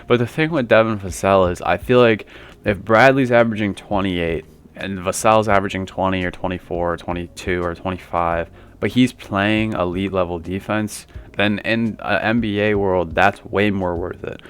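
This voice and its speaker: Speaking at a moderate pace in a low, clean voice with fairly even intonation, the host of a basketball commentary channel rambles conversationally through viewer takes, using plenty of fillers.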